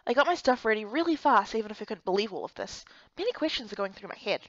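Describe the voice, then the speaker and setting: In this lo-fi recording, a woman reads a fantasy game story in the first person, voicing an earnest, excitable young heroine. Her delivery is expressive and dramatic, at a medium pitch and a quick pace.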